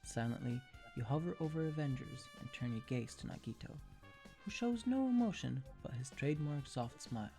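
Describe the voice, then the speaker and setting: A fan fiction story is read aloud ASMR-style by a narrator whose medium-pitched voice is dark, soft-edged and heavy with vocal fry. Quiet music plays underneath, and the audio quality is poor.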